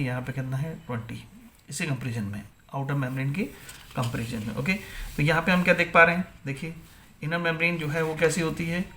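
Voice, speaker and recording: A man's voice: on the high side, bright, forceful tone, a little hiss or hum. A male biology teacher gives an exam-prep lecture, asking questions and answering them himself, and mixing English terms into Hindi.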